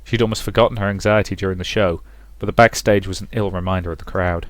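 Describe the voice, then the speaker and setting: There's no echo on this recording of a man doing a let's play of a visual novel. With a low voice and a steady tone, he reads the story quickly and rambles on with casual comments along the way.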